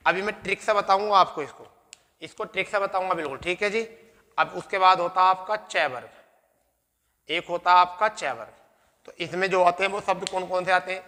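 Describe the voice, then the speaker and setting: A male teacher with a high, bright, ringing voice drills exam students through a lesson. He asks a question and answers it again and again, and calls the students "beta". The sound carries a long, echoey reverb from the room. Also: normal speed. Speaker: Hindi grammar teacher.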